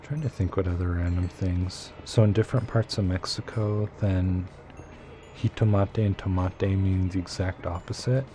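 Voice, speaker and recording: A deep-voiced man rambles casually to his viewers while he plays, thinking aloud and filling gaps with fillers. Game music plays clearly behind him throughout. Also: steady tone, moderate pace. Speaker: live-streamer.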